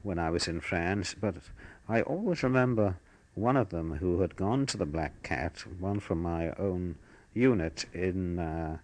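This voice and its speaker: An older man, a war veteran, telling his memories in a measured, matter-of-fact way for an oral history. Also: sits low, animated, a little mellow.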